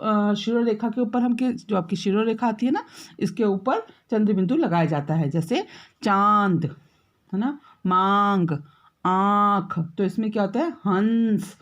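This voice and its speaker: A woman teaching a school grammar lesson, explaining step by step, checking in often with her pupils and drawing out example words slowly. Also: mid-range voice, a little mellow, highs cut off. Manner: drawn-out, slowed example words.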